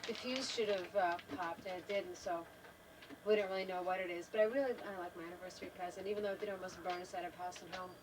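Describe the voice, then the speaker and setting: Heard from afar over a noisy background, her lowish, steady voice moves at a quick pace. She's an older wife in a travel trailer, reflecting casually and without hurry for a home video camera, often losing the thread and restarting.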